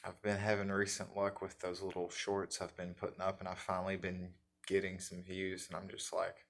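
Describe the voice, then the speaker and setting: A man with an Appalachian accent chatting casually in a folksy, halting, self-deprecating way, as the host of a guitar vlog. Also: sits low, completely flat delivery, fairly bright tone. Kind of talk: casual rambling chat.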